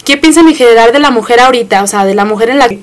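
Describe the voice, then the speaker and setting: A woman's voice: on the high side, racing. A woman hosting a talk show, chatty and full of fillers. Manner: chatty, warm welcoming with filler words. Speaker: host. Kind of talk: casual chat.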